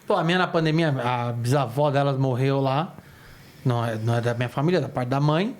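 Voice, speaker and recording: A man's voice: medium pitch, brisk. A male stand-up comedian in casual podcast chat, telling jokey anecdotes full of quoted dialogue. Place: podcast studio.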